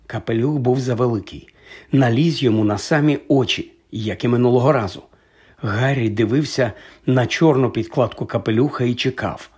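A man narrating a fantasy audiobook in a measured, even storytelling manner. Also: medium pitch, slightly rough. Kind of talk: scripted narration.

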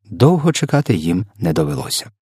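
Guy narrating a kids storybook, low husky voice, dry close sound. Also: brisk, dry recording. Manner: expressive, dramatic reading. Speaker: audiobook reader.

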